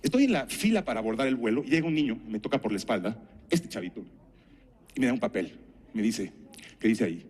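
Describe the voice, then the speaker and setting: A man's voice: mid-range voice, lively intonation, fast, pauses often, darkish tone, breathy edge. A man giving a conference talk, telling anecdotes and putting rhetorical questions to the audience. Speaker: speaker at a conference.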